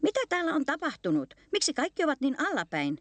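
A woman voicing a kindly old male bear who explains things loudly and earnestly. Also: mid-range voice, very animated, dry recording, natural voice.

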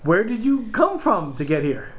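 A man's voice: high voice, big pitch swings, moderate pace, fairly bright tone. A man behind the camera interviewing a guest, asking chatty, upbeat questions. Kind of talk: friendly promotional interview. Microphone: camera mic, off-screen.

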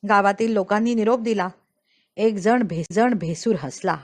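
A woman narrating a memoir as an audiobook, telling it in a deliberate, dramatic storyteller's manner. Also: mid-range voice. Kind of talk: expressive audiobook reading of a memoir.

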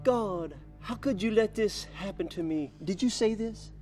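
An actor playing a smooth, cunning lawyer who cross-examines in a cool, quietly needling manner. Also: male voice, high voice, unhurried, faint music behind. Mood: probing.

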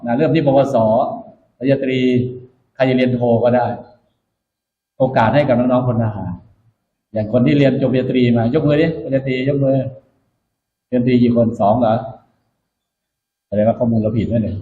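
A man's voice: medium pitch, fairly even intonation, moderate pace, pauses often. Military officer, man in an echoey space. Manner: instructive, emphatic, repeats key points. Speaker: military officer addressing new recruits. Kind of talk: motivational orientation speech to recruits. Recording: echoey room, dull muffled sound.

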